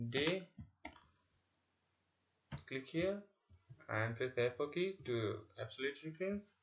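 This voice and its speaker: A man narrates a software tutorial as if dictating, one instruction at a time. His delivery is slow and halting, in short phrases at a medium pitch. The sound is dull and lo-fi. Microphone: voice-over on a screen recording.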